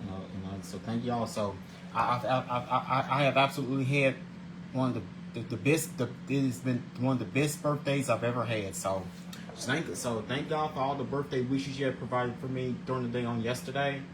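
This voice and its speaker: A man in his forties hosts a casual vlog, speaking at an ordinary pitch. He trips over his words, repeating and restarting phrases as he reads out his segments. Clear background noise sits under his voice. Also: steady tone, brisk. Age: 40s. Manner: repeats and restarts words often, stumbles while reading; earnest, religious greetings. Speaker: host of a daily video show. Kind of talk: casual scripted vlog, reading segments aloud.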